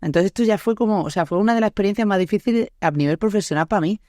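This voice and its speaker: Talking at a racing pace in a warm, medium-pitched voice, this Andalusian podcast host in her thirties, with a Málaga accent, keeps the casual chat light with laughter and frequent tag questions. The sound is dry, studio-grade audio.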